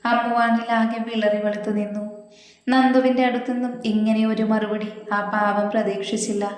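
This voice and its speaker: A woman reading a romantic story aloud in a lively, playful narrating manner. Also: mid-range voice. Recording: very echoey room, long reverb.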